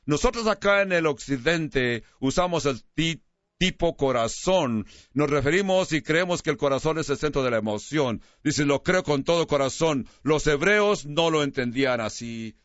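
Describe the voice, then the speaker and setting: A man preaching a sermon as a pastor, slowing down to stress key words. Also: on the high side, expressive, fairly bright tone, dry recording, muffled recording.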